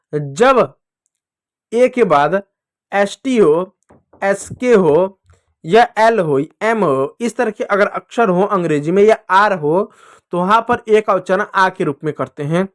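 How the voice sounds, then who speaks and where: Male teacher, high voice, dry close sound, patient children's phonics lesson. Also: takes it slowly, long pauses, no echo. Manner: patient, repeats and asks pupils questions.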